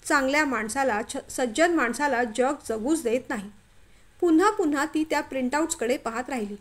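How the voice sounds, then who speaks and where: Woman storyteller, high voice, expressive, measured, scripted narration.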